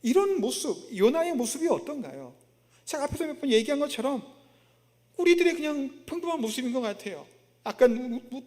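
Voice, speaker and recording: High-voiced pastor preaching in a reverberant church. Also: male voice, darkish tone. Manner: conversational preaching with rhetorical questions, acting out an indignant prophet. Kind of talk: sermon. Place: church sanctuary. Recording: long reverb of a church hall.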